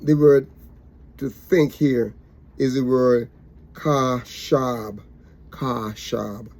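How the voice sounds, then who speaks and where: A man's voice: medium pitch, steady tone, slow, mellow. A man teaching a Bible study, repetitive and emphatic, with many fillers.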